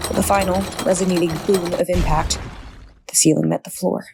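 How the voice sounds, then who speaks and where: A woman's voice: on the low side, steady tone, fairly quick, gravelly, mellow, slight background noise, low-quality recording. A woman narrating a horror audiobook with tense, dramatic storytelling. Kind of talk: scripted narration.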